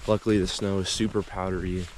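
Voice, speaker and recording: Low-voiced man trudging through snow, noisy wind. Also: level tone, fast. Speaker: hiking vlogger filming himself. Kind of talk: casual outdoor vlog talk. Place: outdoors on a snowy, windy mountain trail. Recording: windy, noisy outdoor action camera. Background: wind and outdoor noise.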